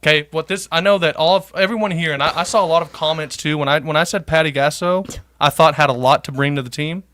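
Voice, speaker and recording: A man's voice: fairly high pitch, quick pace, a bit bright, dry recording. A young man co-hosting a college sports show, joking around in an easygoing way and reading fan comments aloud. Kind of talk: casual sports chat.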